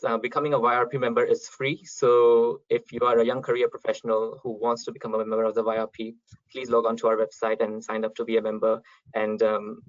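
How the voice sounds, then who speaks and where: A man's voice: fairly low pitch, no room sound. A young man hosting an online talk, introducing speakers with many ums over a computer mic. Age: young adult. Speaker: event host, chairman. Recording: dry, dull lo-fi call audio.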